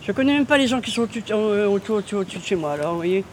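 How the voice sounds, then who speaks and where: A woman's voice: medium pitch, lively intonation, racing, slight background noise. A woman neighbor chatting briefly with a stranger in the street. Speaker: neighbor passerby. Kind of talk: street exchange.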